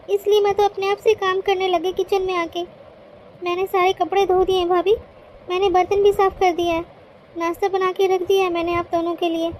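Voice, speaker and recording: A woman's voice: extremely high pitch, a little hiss or hum. A woman voicing a timid, obliging young female student in a cartoon, pleading and grumbling to herself.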